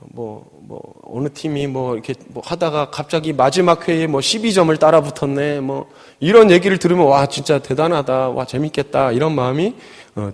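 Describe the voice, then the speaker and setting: A man's voice: on the high side, a little mellow. Man preaching to youth in a reverberant church. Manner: chatty, with many fillers and acted-out quotes. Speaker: youth pastor. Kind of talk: sermon with storytelling. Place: church sanctuary. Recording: long hall reverb.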